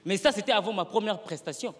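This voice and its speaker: A man's voice: high-pitched, quick pace. A young man from Congo performing a stand-up comedy set, telling stories and acting out the voices of the people in them. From Congo (Brazzaville). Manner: animated storytelling, acting out voices of others. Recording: live stage with audience noise.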